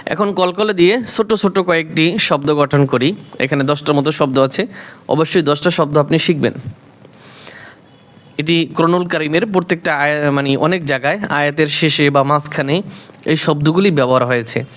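A man teaching Quran reading in a slow, spelled-out lesson, drilling letters syllable by syllable and asking and answering his own questions. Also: a little high. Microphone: voice-over, face not shown.

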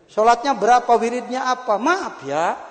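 A man preaching a sermon at a gathering, animated, moving between loud exclamations and soft asides. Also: very high-pitched, moderate pace. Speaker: Islamic preacher. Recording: long hall reverb.

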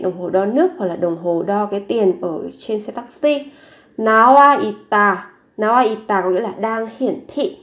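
A woman language teacher explaining grammar patiently, repeating example phrases slowly and clearly. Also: mid-range voice. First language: Vietnamese. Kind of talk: teaching Korean grammar in Vietnamese.

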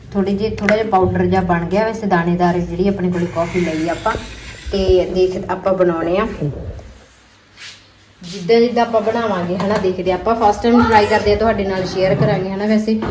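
A woman chatting casually in a home vlog, giving a running commentary on her household chores. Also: medium pitch. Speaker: family vlogger and mother. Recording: noisy home recording with clicks.

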